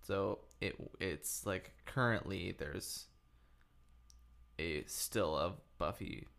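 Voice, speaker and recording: A man's voice: deep voice, slow, vocal fry, a bit bright. Rambling man co-hosting a podcast. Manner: rambling, laughs often, trails off mid-thought. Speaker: podcast co-host. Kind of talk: casual chat.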